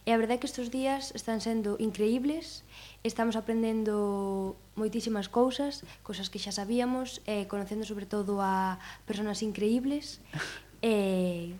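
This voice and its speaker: A woman's voice: mid-range voice, fairly even intonation, a little slow, warm tone. Enthusiastic teenage girl. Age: teens. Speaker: student guest.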